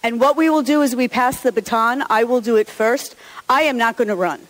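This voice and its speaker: A woman's voice: a little high, brisk. Woman pastor in an echoing church. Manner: chatty and encouraging, often chuckling. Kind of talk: Easter sermon and children's message. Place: large church sanctuary. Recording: long church reverb.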